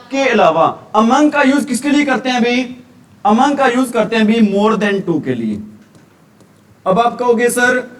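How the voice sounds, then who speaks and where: A man from India leads a grammar revision lecture in a strikingly high voice. He keeps asking questions and answering them himself. The mic sits some distance away. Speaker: teacher.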